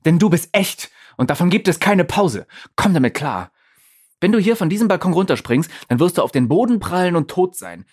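A man's voice: sits high, very animated, fairly quick, darkish tone, voice pushed up. A man voicing a furious, towering female spirit who talks down to the hero with blunt, swearing scorn. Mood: angry scorn.

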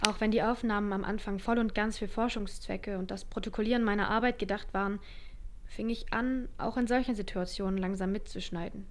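A woman playing a calm, conscientious psychologist who narrates in a measured, reflective way and holds her ground firmly in an audio drama. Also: mid-range voice, lightly acted.

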